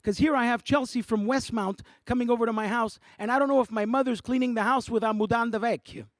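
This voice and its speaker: A man doing stand-up comedy, animated and quick to switch voices. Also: very high-pitched, dry recording, clean studio sound. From Montreal, Canada. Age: 40s. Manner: animated, jumps between voices and languages. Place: theatre studio.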